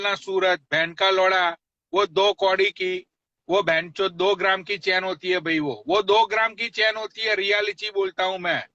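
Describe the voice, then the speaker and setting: Angry high-voiced man ranting on a live stream. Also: bright, forceful tone, no echo, muffled recording. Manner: aggressive, constant profanity, taunting. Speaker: livestreamer. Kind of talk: abusive rant on a live stream. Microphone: phone.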